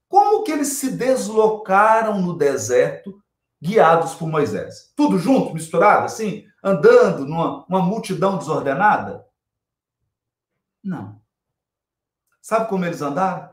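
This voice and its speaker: A man's voice: high voice, sing-song, measured pace, reverberant. A Brazilian man giving a spiritual lecture on scripture, emphatic, repeating key phrases and asking rhetorical questions.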